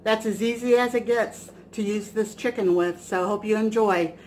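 A woman's voice: mid-range voice, fairly even intonation, moderate pace, a little mellow, a little hiss or hum. A woman in her forties casually explaining a recipe step by step while cooking in her home kitchen, recorded on the camera mic. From US Midwest. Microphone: camera mic at counter.

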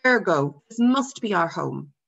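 A woman's voice: lowish voice, animated, a little slow, gravelly, a bit bright, husky, heavily acted. A woman voicing a patient but stern father who lectures his son firmly, in a dull lo-fi recording. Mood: lecturing.

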